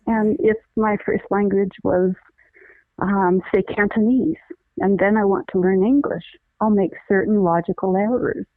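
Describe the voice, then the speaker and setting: Over a tinny phone line, a woman with a medium-pitched, steady voice explains things earnestly and deliberately, restarting often. It's a conversational interview, and the recording is dry.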